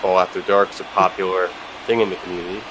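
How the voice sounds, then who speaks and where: A man's voice: deep voice, flat delivery, fast, noisy background. A man working as a color commentator, giving conversational live baseball analysis.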